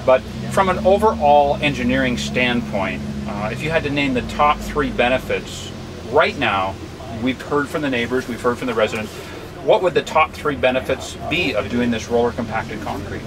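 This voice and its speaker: A man's voice: medium pitch, expressive, normal speed, noisy background. A middle-aged American man hosting in a casual, chatty, enthusiastic and emphatic way. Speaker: host.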